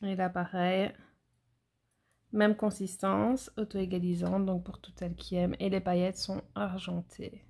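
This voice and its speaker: A woman's voice: medium pitch, little pitch movement, unhurried, creaky, a little mellow. A woman, a nail educator chatting casually through a product haul and speaking straight to her viewers with frequent hesitations.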